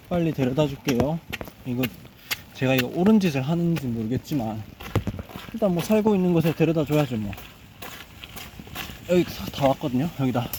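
Muttering in a jittery, nervous way, a man with a somewhat high voice coaxes an animal as he vlogs about nature. The casual self-talk takes place outdoors at a reservoir in the rain, with clear background noise in the recording.

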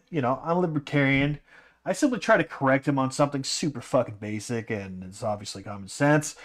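A man's voice: fairly high pitch, a bit bright. A man telling a story about his roommate in an exasperated, incredulous rant full of swearing. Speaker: vlogger telling a personal story.

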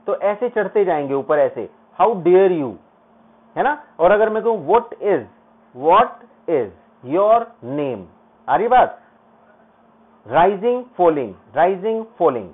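A man with a fairly high voice teaches a live online exam-prep class. He reads English questions slowly, breaks them down in Hindi, and names his students as he praises them. The sound is tinny and narrow, like a phone line.

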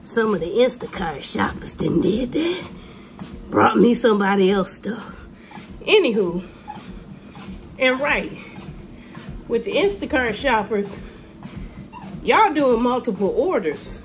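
A middle-aged woman ranting to a phone camera in a casual vlog, animated and sassy, with sudden high exclamations. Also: takes it slowly, long pauses, slight background noise. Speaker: vlogger. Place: room with ceiling lights, indoors. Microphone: phone camera held below face.

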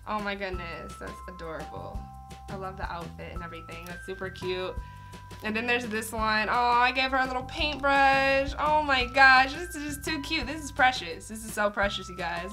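A young woman hosting an art vlog, chatting casually and gushing excitedly with lots of exclamations. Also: medium pitch. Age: young adult. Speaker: art channel host.

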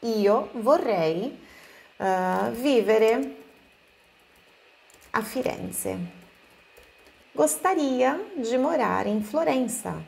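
Slow-paced woman teaching Italian. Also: a little high, animated, gravelly, a little mellow. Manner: slow, careful pronunciation of example words. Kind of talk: language lesson.

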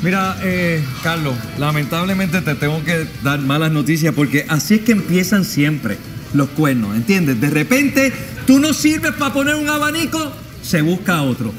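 A man's voice: fairly high pitch, lively intonation, normal speed, natural voice. An actor playing a cynical, jaded cheated-on man who gives gloomy warnings in a TV comedy sketch. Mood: mock-grave.

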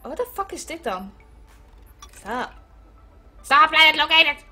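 A woman hosts a gaming video from her computer at home, wearing headphones and giving casual, swear-laden commentary to her viewers with English phrases mixed in. Her voice is high-pitched, animated and sharp, she speaks slowly, and faint music plays behind her.

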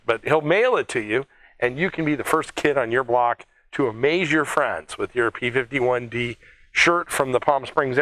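Man, museum host, chatty and joking, rambling, medium pitch, dry sound. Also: fairly bright tone, dry recording, low-quality recording. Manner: chatty, jokey, rambling with restarts. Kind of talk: casual one-take video talk. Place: air museum.

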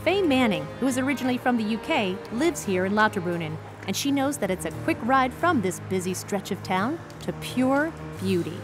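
A woman giving scripted travel narration in a lively storytelling way. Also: a little high, brisk, hardly any pauses, music in the background.

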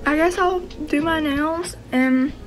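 A young woman with a high voice takes her time in a home vlog, chatting casually. She's bubbly and chatty, giggling often, using filler words, and hiccuping now and then. The recording is low quality, with background music under her voice.

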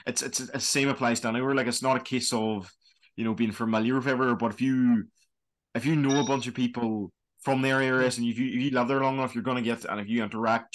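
A young man with a Donegal Irish accent speaks casually as an interview guest. His mid-pitched voice wanders through hesitant, rambling answers over a video call. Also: fairly bright tone. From Donegal, Republic of Ireland. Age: young adult. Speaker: student guide, interview guest. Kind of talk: casual chat. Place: small plain room indoors. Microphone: webcam video call.

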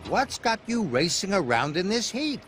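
A man voicing a polite, gentle male excavator who purrs softly in a storybook narration. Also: high voice, big pitch swings, moderate pace, a little hiss or hum, voice pushed up. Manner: soft and polite.

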